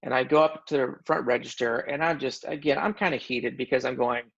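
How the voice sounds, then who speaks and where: A man recounts a personal story in a relaxed conversation, his mid-pitched voice carrying a gravelly fry. He talks with a joking, animated edge and often trips over and restarts his sentences. The recording sounds dull and lo-fi. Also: brisk. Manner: animated, self-described funny guy, frequent restarts. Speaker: guest sharing a personal story.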